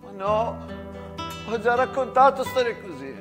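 A man's voice: very high-pitched, very animated, a little slow, over music, heavily acted. A man playing a timid, heartsick young soldier who stutters and begs, in a stage monologue. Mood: pleading. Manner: hesitant, stuttering, begging.

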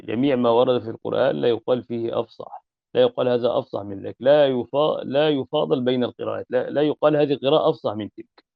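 A male teacher gives corrective commentary on a grammar text, stressing his points and repeating them. His voice is gravelly, and it comes through a tinny, phone-like line. The sound is dry and close. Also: medium pitch, rapid-fire, no room sound.

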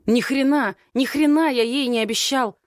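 A woman voicing an angry, drunk young man who roars and shouts at everyone. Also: sits high, moderate pace, no echo, clean studio sound, pitched above the performer's own voice, natural voice. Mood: furious shouting. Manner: shouting, roaring.

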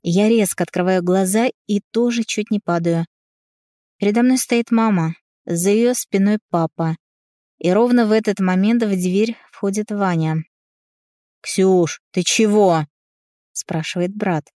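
A woman's voice: medium pitch, normal speed, mellow, no room sound, studio quality. A woman narrating a novel in the first person in a wry, confiding way. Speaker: audiobook narrator.

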